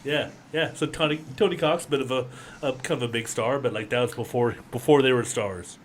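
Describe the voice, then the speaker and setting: A man's voice: medium pitch, fairly quick, slight background noise. A man co-hosting a podcast in casual chat, laughing often and trailing into restarts. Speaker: podcast co-host.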